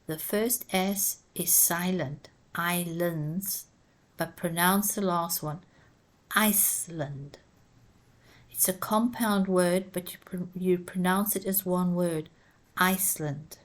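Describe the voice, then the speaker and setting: A woman's voice: on the low side, steady tone, unhurried, hardly any pauses. A woman teaching pronunciation, carefully spelling words out letter by letter. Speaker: English teacher. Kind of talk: slow, careful pronunciation lesson.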